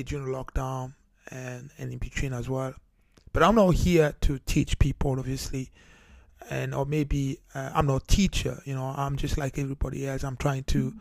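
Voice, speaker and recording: A Cameroonian man in the United Kingdom hosts his own talk show as a solo podcast monologue, speaking earnestly with many fillers and restarts. His voice is mid-range with vocal fry, and there is no echo.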